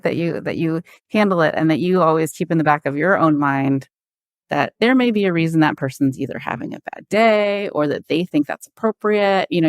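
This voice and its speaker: A woman guest on an interview podcast, telling stories in a lively way, acting out the people she quotes and often saying "like" and "you know.". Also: sits low, dry recording, studio quality. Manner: animated, acts out quoted voices, frequent fillers. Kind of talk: conversational interview storytelling.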